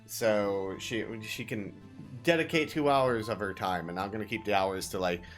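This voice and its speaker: A man's voice: on the low side, moderate pace, faint music behind. A man hosting as game master, wrapping up the stream in a casual, rambling, joking way with lots of fillers.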